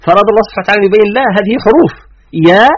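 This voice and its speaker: A man explaining the Quran's letters to an interviewer, emphatic, slowing to stress each letter. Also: high voice, slight background noise. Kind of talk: explanatory religious lecture. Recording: dull lo-fi radio sound.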